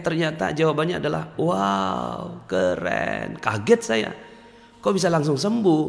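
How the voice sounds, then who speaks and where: A man giving a seminar talk as a motivational speaker, telling a story in an animated way with sudden rises in pitch. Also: creaky. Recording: hall reverb with faint background music.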